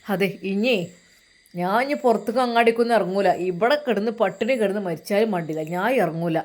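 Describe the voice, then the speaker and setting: A woman voicing an angry, stern middle-aged father who shouts accusations and threats. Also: medium pitch, fairly quick, pitched below the performer's own voice, close to an everyday voice. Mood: furious.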